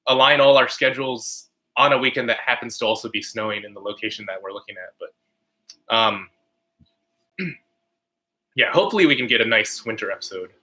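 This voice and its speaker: Slightly nasal man with a bright voice. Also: medium pitch. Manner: frequent throat clearing, halting. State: lingering cold symptoms. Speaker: channel host livestreaming to viewers. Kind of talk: casual livestream chat, answering comments.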